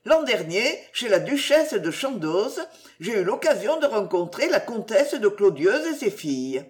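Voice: big pitch swings, unhurried. A reader voicing a distressed aristocratic mother, a marquise, in an audiobook, pleading and emotional. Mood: explaining. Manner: pleading, emotional, high-strung. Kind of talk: audiobook character reading.

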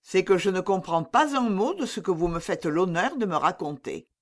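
A woman's voice: lowish voice, animated, normal speed, lightly acted. Woman voicing an evasive young courtier. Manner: feigned naive, deferential, evasive. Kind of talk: audiobook character reading.

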